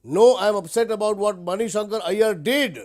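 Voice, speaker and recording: A man's voice: high voice, normal speed, natural voice. A man with an Indian accent playing an indignant, self-important political spokesperson in a satirical mock news interview. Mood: aggrieved. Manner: indignant, deadpan, insistent.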